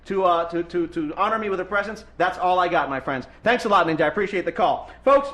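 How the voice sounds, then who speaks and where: A man's voice: high voice, fast, a bit bright. A man hosting a live call-in podcast, brash and sarcastic, often cutting in on callers. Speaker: radio show host.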